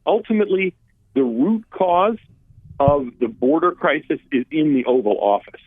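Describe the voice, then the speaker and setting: A policy expert guest on a political talk radio interview talks through immigration issues, conversational and emphatic, restarting often. He is a man whose first language is Armenian, and his voice is a little high and animated at normal speed. The phone-line guest audio is dry.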